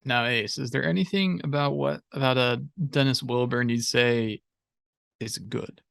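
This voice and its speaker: Young man, podcast co-host, gravelly voice, dry sound, casual sarcastic chat. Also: medium pitch, steady tone, measured pace, a bit bright, no echo. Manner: sarcastic, lots of "like" and restarts.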